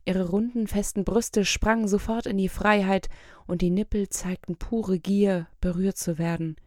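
A woman narrating an audiobook in a calm, measured reading voice, recorded close to the mic. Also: medium pitch, no room sound. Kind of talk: scripted narration.

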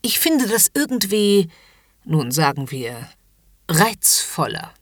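A woman's voice: mid-range voice, big pitch swings, slow, breathy edge, no echo, clean studio sound, heavily acted. A woman voicing a haughty, domineering upper-class lady in a commanding, mocking whispered role-play.

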